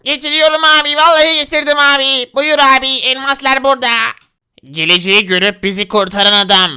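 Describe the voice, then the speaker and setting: A man's voice: very high-pitched, fairly even intonation, brisk, heavily acted. A man voicing grateful male villagers in a block-building game who thank and honor their rescuer. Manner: warm, thankful, calls people brother.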